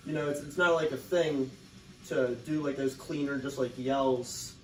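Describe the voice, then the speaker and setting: A man's voice: mid-range voice, fairly even intonation, moderate pace, distant mic, a little hiss or hum. Brief: male interviewer, loose chatty questions, roomy sound, off-mic. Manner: rambling, heavy use of "like" and "um". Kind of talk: casual interview.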